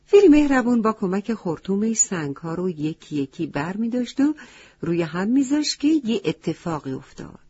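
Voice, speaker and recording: A woman's voice: medium pitch, big pitch swings, mellow, husky, dry recording, dull audio. A woman narrating a children's story, stopping to ask the listening children questions. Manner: addresses children directly with questions.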